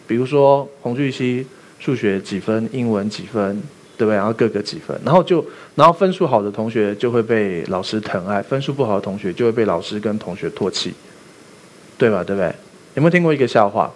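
A man preaching a sermon as pastor, animated and quizzing the congregation with rhetorical questions. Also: lowish voice, a little fast, slight background noise.

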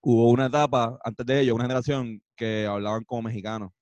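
Joking and slangy, a young Puerto Rican man in his twenties co-hosts a laid-back podcast and does impressions of voices. His level, medium-pitched voice moves quickly with a darkish tone, recorded without echo but with the highs cut off.

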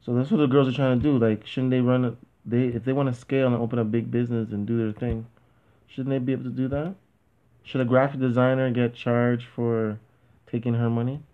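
A man's voice: mid-range voice, flat delivery, fairly quick. A man co-hosting a casual talk show, rambling and argumentative, with lots of "you know what I mean" asides. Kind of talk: casual conversation. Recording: tinny phone-like audio.

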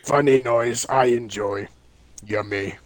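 A man's voice: medium pitch, no room sound, pitched below the performer's own voice, close to an everyday voice. A man voicing a dim-witted male caveman who talks in short broken phrases. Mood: crude. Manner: slow, clipped broken sentences.

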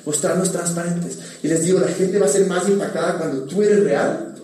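A man preaching a candid, animated sermon as a pastor, with many restarts. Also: sits high, normal speed, slight background noise. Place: church hall. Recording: echoey hall from far off.

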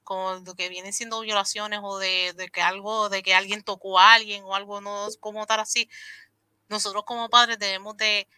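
A woman's voice: medium pitch, flat delivery, moderate pace, bright, forceful tone, smooth, no room sound. A woman explaining earnestly in a casual conversation, often rephrasing herself.

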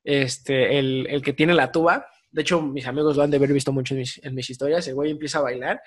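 A young man with a Mexican accent hosting a casual podcast chat, telling stories in slangy, animated talk. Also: medium pitch, fast. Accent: Mexican Spanish. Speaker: podcast host.

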